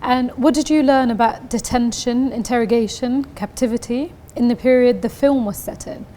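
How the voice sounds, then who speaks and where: A woman's voice: fairly high pitch, moderate pace, mellow. A woman of Palestinian origin interviewing a guest, asking brief questions and giving short affirming murmurs. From Palestinian, from Hebron.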